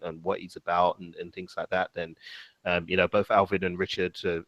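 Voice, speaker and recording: A man's voice: low voice, no room sound, highs cut off. A man hosting a casual podcast chat, laid-back, with lots of ums and you-knows. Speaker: podcast host.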